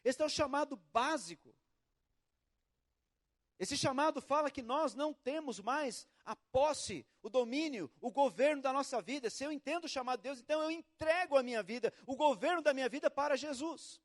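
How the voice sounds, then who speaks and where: A Brazilian man preaches in a church, his voice set notably high for a man. He tells stories with animation, acting out little quotes and calls. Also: normal speed. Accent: Brazilian Portuguese. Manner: animated storytelling with acted quotes and shouts. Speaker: pastor. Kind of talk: sermon.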